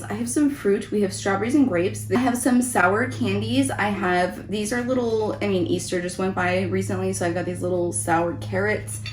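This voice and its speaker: A woman talks casually through a taste test, like a vlog host. Her voice is mid-pitched and sits in an echoey room with faint background noise. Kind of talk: casual chatty food review. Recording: roomy echo, background noise.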